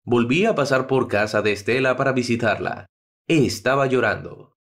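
A man narrating a dramatic story in a steady, scripted reading. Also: medium pitch, normal speed.

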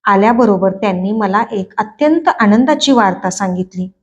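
A woman hosting a book reading channel, narrating a novel in a clear, expressive storytelling manner. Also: mid-range voice, normal speed, muffled recording. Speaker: book reader.

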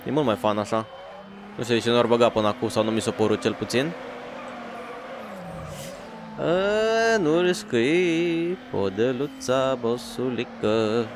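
A man playing a racing game for his channel, chatting in slangy, excitable bursts to himself and his viewers. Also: lowish voice, background noise. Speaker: gaming YouTuber. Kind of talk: let's play commentary.

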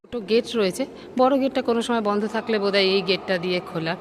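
Lady vlogger chatting to viewers, voice booming and echoing round a giant hall, mid pitch, lots of background noise. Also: very fast. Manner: chatty, pointing things out to viewers. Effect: booming cathedral-like echo in a huge hall. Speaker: travel vlogger. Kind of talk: casual vlog narration. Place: inside a large temple hall.

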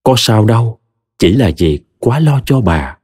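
A man's voice: lowish voice, very animated, measured pace, a little mellow, husky, no echo. A man narrating a serialized story as an audiobook storyteller, reading expressively. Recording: dry close voice with faint music.

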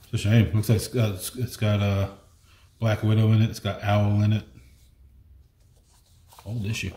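Seated at a table in an indoor room, a middle-aged comic unboxing host goes through old comics, calling out issue numbers and muttering comments. His voice is fairly low and dark, with a level tone and moderate pace, recorded by a fixed camera across the table in an echoey space with faint noise.

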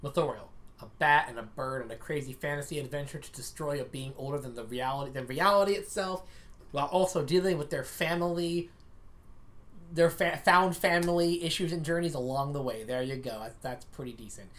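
A woman with a Southern American accent talks about comics in a casual, rambling way. Her voice sits low. She sounds enthusiastic and a little self-deprecating. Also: fairly quick. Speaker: comic creator co-hosting a stream. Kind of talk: casual chat.

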